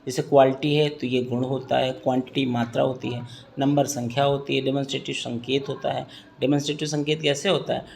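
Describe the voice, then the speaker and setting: Gravelly man teaching English grammar. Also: medium pitch, little pitch movement, brisk, darkish tone, slight background noise. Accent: Hindi. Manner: patient, repeats key points, checks in often. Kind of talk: classroom lesson explaining to students.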